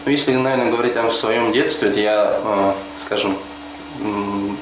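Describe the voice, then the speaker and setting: A man's voice: fairly low pitch, steady tone, moderate pace. A man in his twenties, a deputy mufti, answering interview questions thoughtfully, with frequent hesitations and restarts. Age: 20s. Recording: echoey room with background noise.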